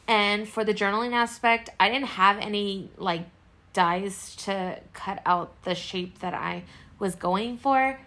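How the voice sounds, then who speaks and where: A woman with a mid-range, fairly bright voice speaks slowly as a craft tutorial host. In a casual, chatty voice-over, she walks through each step while poking fun at herself.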